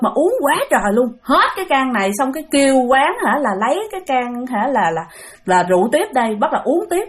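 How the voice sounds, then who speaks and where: A woman with a Southern Vietnamese accent telling a ghost story in a chatty way, speaking straight to her listeners. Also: high voice. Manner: chatty, addresses listeners directly, many fillers. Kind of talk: casual ghost story narration.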